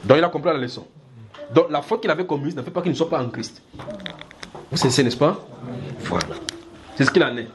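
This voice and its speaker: Male preacher from Cameroon, fairly high voice, lively sermon delivery that acts out scenes. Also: a little fast, long pauses, noisy background. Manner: lively, acts out little scenes with shifting pitch, chuckles while preaching.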